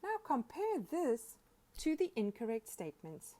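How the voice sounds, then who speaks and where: A woman narrates a scripted grammar lesson with a lively, rising and falling voice. She reads example sentences aloud and names each punctuation mark as she goes. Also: fairly high pitch, measured pace. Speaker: grammar instructor.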